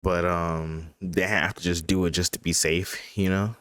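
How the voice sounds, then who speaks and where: Deep, dry-voiced man reacting casually. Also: flat delivery, unhurried, a bit bright, smooth, no room sound. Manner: rambling, swears freely. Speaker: streamer reacting to a video.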